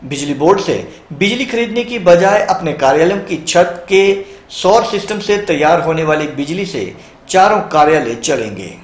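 A man in his thirties anchoring a news bulletin in a studio, reading in a measured, formal way. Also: on the high side, lively intonation, roomy sound, slight background noise.

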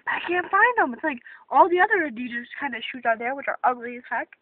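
A woman vlogging in casual chat, rambling off on quick tangents and swearing freely, from a parked car. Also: high-pitched, big pitch swings, dry recording. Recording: tinny phone-like recording.

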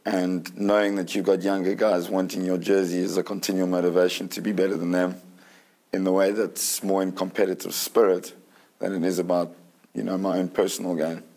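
Man, South African accent, 30s, low, gravelly, flat delivery, interview. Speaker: ice hockey player. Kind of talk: interview answers. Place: indoor room with curtains.

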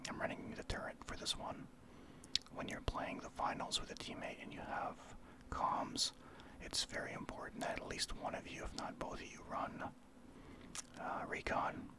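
A man from Saskatchewan, Canada, speaking in a soft breathy whisper as an ASMR streamer, explaining his gameplay in informal gamer talk. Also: moderate pace. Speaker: streamer, ASMR channel host.

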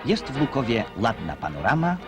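A man giving formal, measured scripted narration as an old newsreel voice-over, recorded on a 1960s newsreel soundtrack. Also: mid-range voice, big pitch swings. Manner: formal, measured announcer delivery. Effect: old newsreel voice-over over music.

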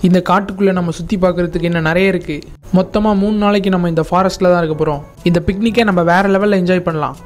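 A man's voice: high voice, steady tone, quick pace, soft background music, close to an everyday voice. A man playing an easygoing game hero and narrating a gameplay video, speaking plainly and giving instructions to his friends and viewers.

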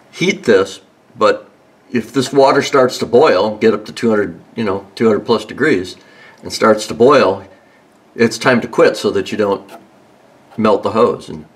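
Male host, lowish voice, loose unscripted how-to talk with fillers, recorded on a handheld phone under a car in a garage. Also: slightly rough. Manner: relaxed, rambling, with many ums and restarts. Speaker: home mechanic host. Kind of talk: casual how-to demonstration.

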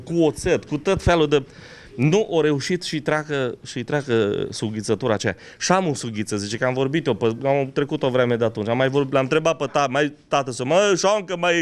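An older man with a western Romanian regional accent, telling a folksy anecdote with animated, dramatic delivery. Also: mid-range voice. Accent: Banat-Crișana Romanian. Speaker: local storyteller.

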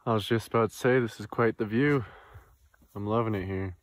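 A man talking casually to camera in a hiking vlog outdoors on a mountain trail, relaxed and a little wry. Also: lowish voice, a little fast, dry recording. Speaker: vlogger.

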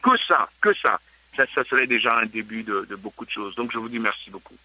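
A man's voice: on the low side, fairly quick, bright, forceful tone, no room sound, low-quality recording. Earnest Congolese-born man as a radio guest. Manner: earnest, repeats words while searching. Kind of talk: interview answers.

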